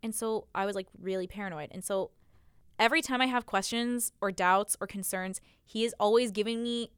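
A young American woman hosts a podcast, chatting casually and informally with lots of slang and "like." Her mid-range voice is fairly quick and fairly bright. The recording is clean and studio quality, with no echo.

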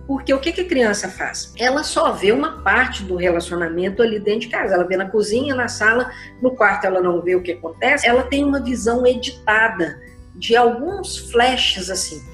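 A Brazilian woman speaks as a therapist answering a listener's question. Her talk is conversational and expressive, and she slips into the voices of the people she quotes. The room sounds echoey, with faint music behind her. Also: on the high side, fairly quick. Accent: Brazilian Portuguese. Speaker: systemic constellation therapist.

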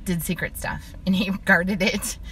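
A woman's voice: lowish voice, fairly even intonation, unhurried, sharp tone, slight background noise. A middle-aged woman from Illinois, chatting as an interview guest, full of "like" fillers and laughing through her stories. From Illinois, USA. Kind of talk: casual conversational interview.

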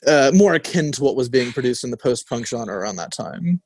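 This young man, co-hosting a college radio program, talks loosely about a record with lots of fillers and false starts. He speaks fairly quickly in an expressive, medium-pitched voice that's husky and a little mellow, recorded dry and clean on a studio mic in a radio studio.

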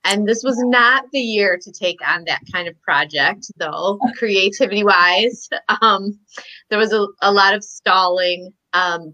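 On a low-quality recording, a guest author from Michigan, USA, talks casually over a video call for a podcast. She has a medium-pitched, bright, forceful voice and peppers her speech with "um"s and little laughs.

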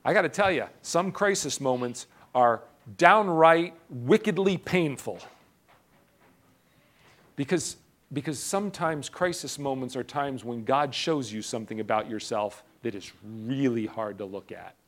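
A man preaching a sermon at a church service. He repeats his lines for emphasis and swings between loud urgency and hushed intensity. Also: mid-range voice, a little slow. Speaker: pastor.

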